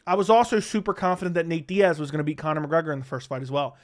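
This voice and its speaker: Young male streamer, slightly high and very clean voice, casual, profane, rambling chat host. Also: fairly even intonation, very fast. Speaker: livestream host.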